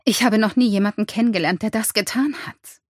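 A gentle, soft-spoken young woman, as a woman voices her in an audiobook. She speaks in a hushed way with a breathy, husky tone. The sound is close and dry. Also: mid-range voice, fairly quick, dry recording, voice pushed up, lightly acted.

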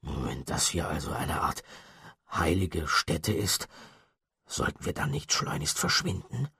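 A jittery teenage boy sidekick, read by a man in an audiobook, halting and unsure, with a low husky voice. The sound is close and dry. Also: very animated, sharp tone, no echo, heavily acted. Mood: uneasy. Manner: hesitant, stumbling over words.

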